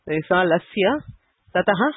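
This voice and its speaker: A man with a high, husky voice leads an online grammar lesson, explaining patiently and pausing on "okay" and "so". The sound is thin and phone-like, and dry with no room around it. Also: no echo. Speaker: Sanskrit grammar teacher. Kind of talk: online class lecture answering questions.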